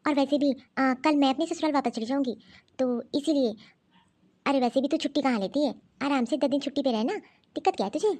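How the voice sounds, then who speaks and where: A woman voicing a scheming, bossy young sister-in-law in an animated cartoon story, coaxing and ordering others about. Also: high voice, brisk, lightly acted.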